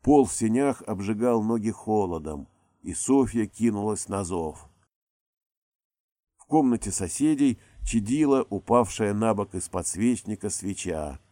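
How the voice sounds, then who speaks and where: Low-voiced male audiobook narrator. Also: lively intonation, measured pace, warm tone, dry recording, studio quality. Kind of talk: scripted narration.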